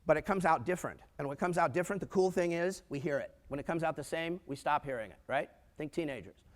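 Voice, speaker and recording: An older American man giving an energetic conference talk on business finance, with rhetorical questions and humorous asides. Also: on the high side, fast talker. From United States. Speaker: keynote speaker on business finance. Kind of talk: conference presentation. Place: large conference room. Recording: echoey hall reverb.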